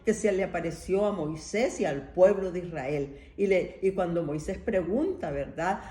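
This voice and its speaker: Warm-voiced woman preaching in an echoey room. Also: on the low side, normal speed. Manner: conversational preaching, often checks in with a questioning tag. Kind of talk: sermon.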